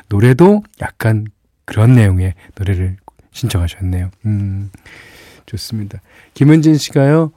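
A man's voice: lowish voice, no echo, studio quality. A male radio DJ chatting casually on a late-night music show, reading listener messages aloud and chuckling now and then. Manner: relaxed, chatty, reads listener messages with small laughs. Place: radio studio. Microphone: studio microphone.

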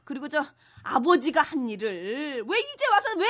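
A man voices a spoiled lady of the manor in a radio comedy sketch, her voice pitched very high and shrill. She is bossy and huffy, brushing off every accusation and tacking a nagging "huh?" onto her lines. The broadcast sound is dull and muffled. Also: wildly swooping pitch, normal speed, noisy background, exaggerated voice. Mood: indignant. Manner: bossy, huffy, keeps asking "응?". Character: spoiled noblewoman, haughty and defensive.

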